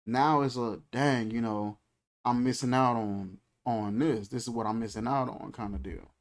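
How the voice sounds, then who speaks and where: A man in his thirties giving a reflective, conversational faith talk, repeating phrases and speaking in a loose, colloquial way. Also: mid-range voice. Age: 30s. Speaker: faith channel host.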